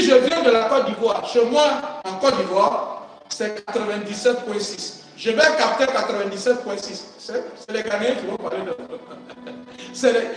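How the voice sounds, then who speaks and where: A man preaching a sermon, fervent and swinging between shouting and quiet, calling to the congregation for responses. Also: extremely high pitch. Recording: echoey hall from far off, music.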